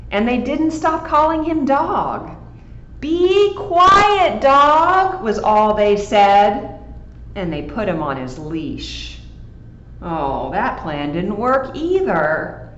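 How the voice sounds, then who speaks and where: A woman librarian reading a picture book aloud to children, animated and asking them questions along the way. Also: mid-range voice, slow pace. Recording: echoey, dull, faint background hiss.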